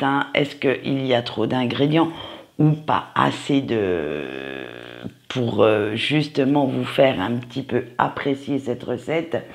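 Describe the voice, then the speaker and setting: A man giving a casual tarot reading, speaking slowly and hesitantly with many fillers. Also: medium pitch, gravelly. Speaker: tarot card reader.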